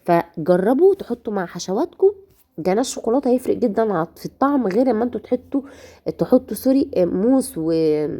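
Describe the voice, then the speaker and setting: Hoarse and fighting a cough, a woman home baker with an Egyptian Arabic accent chats with her audience as she decorates a cake, her mid-range voice warm in tone.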